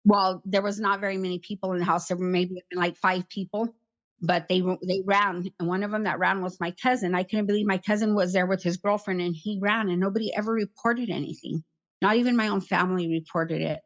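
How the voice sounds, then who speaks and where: A middle-aged woman recounting her past in an interview, in a plain, halting way with many "like" fillers. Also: mid-range voice, fairly even intonation, dull audio. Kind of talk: personal account in conversation.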